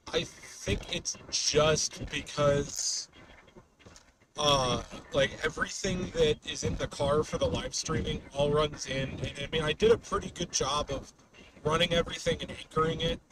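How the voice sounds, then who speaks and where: A man chats casually on a storm-chasing livestream while he drives, with noticeable noise around him. His pitch moves around a lot as he rambles and drops thoughts halfway. The microphone sits away from his mouth, so he sounds a bit distant inside the car. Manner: rambling, trailing off mid-thought. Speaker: storm chaser live streamer. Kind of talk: casual unscripted livestream chat while driving. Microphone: webcam microphone in car. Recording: noisy car, distant webcam mic.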